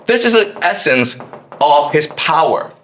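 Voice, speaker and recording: Animated male professor in an echoey classroom. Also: a little high, measured pace, a little hiss or hum. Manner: animated, checks in with "okay?". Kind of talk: classroom lecture with storytelling.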